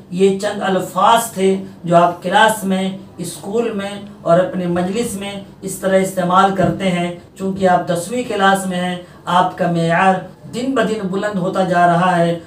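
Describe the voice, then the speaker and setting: A male teacher giving a pronunciation lesson to students, repeating each word slowly to set the right form against the wrong one. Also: high-pitched. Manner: deliberate, repeating words to contrast right and wrong forms. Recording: roomy, distant mic, faint background noise.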